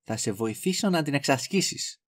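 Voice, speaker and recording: A man's voice: mid-range voice, lively intonation, close to an everyday voice. An actor playing a clueless, fussy young man who dithers and rambles. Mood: dithering. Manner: dithering and goofy.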